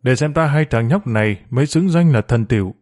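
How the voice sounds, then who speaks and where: A man's voice: medium pitch, animated, fairly quick, lightly acted. Man doing a rowdy drunken gang boss. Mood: boisterous. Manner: loud, coarse, commanding. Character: boisterous older male gang boss, hard-drinking.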